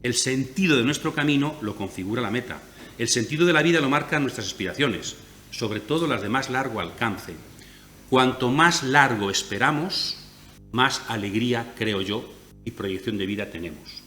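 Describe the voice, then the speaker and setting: A man's voice: lively intonation, moderate pace, sharp tone. A man from Spain with a Castilian accent giving a conference lecture, explaining his points step by step with frequent rhetorical "¿no?" tags. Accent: Castilian Spanish. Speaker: lecturer on biblical theology. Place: conference hall. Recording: echoey hall with faint rumble.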